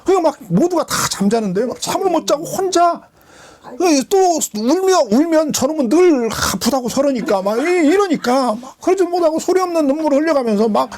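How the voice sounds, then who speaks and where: Preaching a church sermon, a woman pastor shares her personal testimony in an animated, fairly quick, slightly mellow voice. She tells it emotionally, her pitch swinging as she acts out the quotes.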